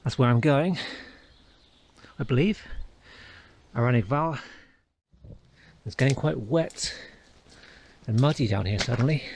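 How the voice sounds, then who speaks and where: A man of medium pitch records a walking vlog on a camera mic while on a hillside in the countryside, musing aloud with occasional small restarts. A little hiss or hum sits in the audio, and he is not a first-language Welsh speaker.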